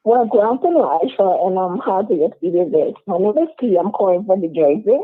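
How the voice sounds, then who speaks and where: A woman calls in to a talk show, her voice muffled as if something covers her mouth. She sounds hesitant and unsure she is on air, and the thin, tinny phone line flattens her words further. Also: medium pitch, a little fast. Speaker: caller. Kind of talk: call-in radio talk.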